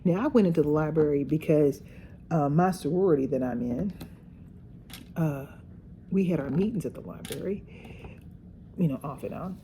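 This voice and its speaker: A woman's voice: low-pitched, moderate pace, long pauses, mellow, a little hiss or hum. A middle-aged woman chatting casually while crafting, a rambling storyteller with folksy phrases. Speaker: craft vlogger.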